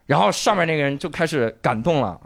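Animated male storyteller with a lively voice. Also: fairly high pitch, fast talker, creaky, dry recording, studio quality. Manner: animated storytelling, acts out lines with loud swearing outbursts. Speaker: podcast co-host. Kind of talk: casual chat retelling a drama plot.

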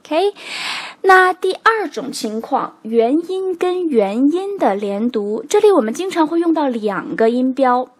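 A woman whose first language is Chinese, teaching a spoken English lesson, explaining step by step and saying example phrases slowly. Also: a little high.

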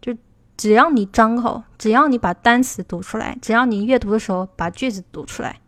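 A woman teaching English pronunciation in a livestream. She explains step by step, checks in with her listeners and slows down to model English words. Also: on the high side, no room sound. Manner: explanatory, asks "对吧" to check understanding. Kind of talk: livestream lesson.

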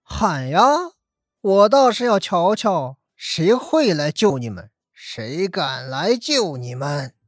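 A woman voicing a sneering, lame male village bully who mocks and threatens slowly. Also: lowish voice, sing-song, no echo, studio quality, pitched below the performer's own voice, full character voice. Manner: mocking, slow and menacing.

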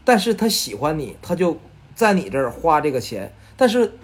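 Husky, lively man. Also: on the high side, normal speed. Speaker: bookstore co-owner, guest. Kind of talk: casual chat.

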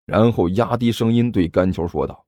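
A man narrating a story in a lively, expressive way. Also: on the low side, normal speed. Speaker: audiobook narrator.

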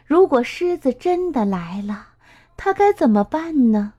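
A woman reading a children's story aloud, slow and expressive in a sing-song way. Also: high-pitched, dull audio.

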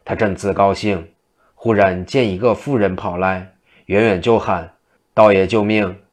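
Low-voiced male storyteller. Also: a little slow. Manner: steady, vivid storytelling. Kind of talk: storybook narration.

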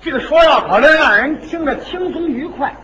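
A man's voice: very high-pitched, lively intonation, a little fast, pushed and bright, lo-fi sound, a little hiss or hum. A man performing a crosstalk comedy routine, teasing his partner in playful one-upmanship. He is heard on an old live recording.

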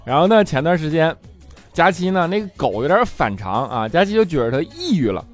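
Here the man's voice is fairly high and sing-song, moving at a brisk clip over soft background music. As comedian host, he tells chatty stand-up stories and often checks in with listeners, asking "right?"

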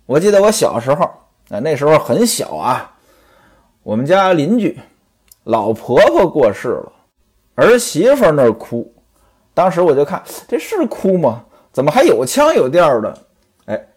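A man's voice: on the high side, huge pitch swings, measured pace, a little mellow, slightly rough. A man telling a traditional story with commentary and chatty asides to the listener.

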